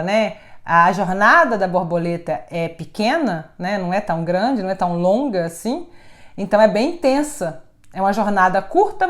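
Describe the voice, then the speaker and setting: A woman hosting a live stream as a spiritual teacher, chatting casually, laughing often and talking to viewers by name, recorded on a phone. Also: mid-range voice.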